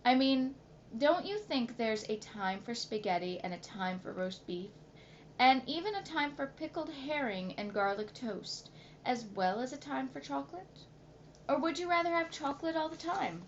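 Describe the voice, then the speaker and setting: A woman's voice: sits high, animated, normal speed, pitched above the performer's own voice. A woman voicing a father reasoning earnestly and persistently with his son, in a slightly muffled recording with faint hiss.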